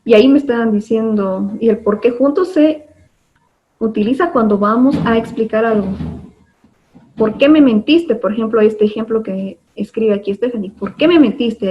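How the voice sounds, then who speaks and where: A woman teaching an online class, explaining patiently step by step with frequent fillers, heard over a video call. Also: fairly high pitch. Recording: dull lo-fi online class audio.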